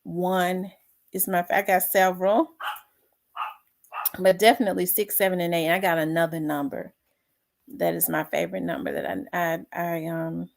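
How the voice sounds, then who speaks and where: A woman's voice: lowish voice, little pitch movement, vocal fry. A woman hosting a casual livestream, greeting viewers by name with lots of ums. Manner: unhurried, reads out viewer names with many fillers. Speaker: livestream host.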